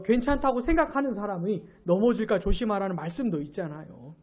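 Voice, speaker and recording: A pastor teaching scripture in an animated sermon. His voice swings up and down and jumps louder on key words, and he keeps repeating himself and asking the listeners whether they follow. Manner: animated, repeats phrases, asks listeners rhetorical checks; stresses words with sudden rises in pitch and loudness. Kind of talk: Bible exposition sermon.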